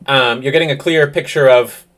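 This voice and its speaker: A man's voice: medium pitch, normal speed, recorded from a distance. A man narrating as game master of a tabletop game, rambling with many fillers.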